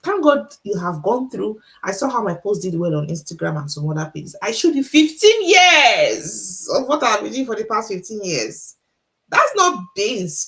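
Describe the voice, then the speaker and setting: A middle-aged Nigerian-accented woman, an author and motivational speaker, gives an uplifting livestream talk in a medium-pitched, slightly bright voice. Deliberate and easy to follow, she circles back to key points and asks her listeners rhetorical questions.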